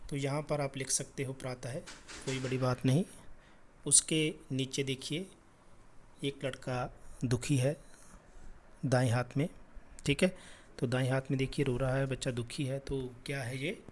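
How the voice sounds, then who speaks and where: A man teaching a class lesson, patiently repeating sounds slowly for children. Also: medium pitch, fairly even intonation, a little hiss or hum.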